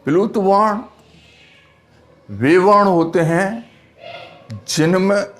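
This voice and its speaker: A man teaching a classroom lesson, speaking slowly and spelling out sounds one by one, asking questions and answering them himself. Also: sits high, a bit bright.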